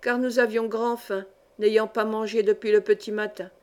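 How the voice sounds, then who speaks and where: A woman's voice: fairly high pitch, level tone, moderate pace, warm tone, smooth. Woman reading a classic novel aloud. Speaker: audiobook reader. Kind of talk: scripted narration.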